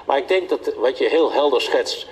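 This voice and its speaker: A man's voice: mid-range voice, lively intonation, normal speed, rough recording. Dutch-speaking male interviewer, teasing and probing. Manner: probing, teasing questions with frequent tag words. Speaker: interviewer and narrator. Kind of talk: warm interview and voice-over narration.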